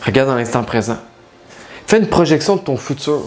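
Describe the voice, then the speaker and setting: A man gives a casual spiritual-coaching talk, speaking straight to the listener. His pitch sits in an everyday middle range. He keeps asking rhetorical questions as he explains. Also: animated, brisk, darkish tone. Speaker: life coach and spiritual guide. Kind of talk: casual direct-to-camera monologue.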